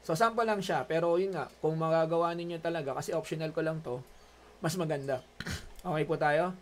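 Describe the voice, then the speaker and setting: A man's voice: on the high side, a little fast, slight background noise. A man with a Filipino accent giving an online class lecture as a college instructor, joking and chatty as he switches between Tagalog and English. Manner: joking, chatty Taglish teaching.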